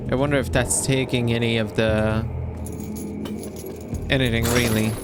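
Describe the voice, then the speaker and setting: A man's voice: mid-range voice, level tone, measured pace. A man casually commenting on a horror game as he plays, reacting aloud and reading on-screen text. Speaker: gameplay streamer. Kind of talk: casual let's-play commentary. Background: game music.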